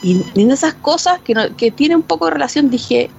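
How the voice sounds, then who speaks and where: A woman co-host tells stories about film and history in a casual, animated chat, laughing often and restarting her sentences. Her voice sits fairly high, with faint ambient noise behind it. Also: a little fast, vocal fry, dull audio. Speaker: podcast co-host.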